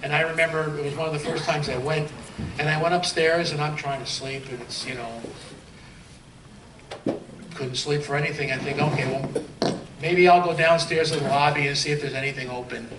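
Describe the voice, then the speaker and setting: A man's voice: fairly high pitch, fairly even intonation, a little fast. A man telling a circus touring story on a convention panel, chatty and laughing through his punchlines. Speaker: panelist, former circus clown. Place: convention hall. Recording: echoey hall, distant mic, background noise.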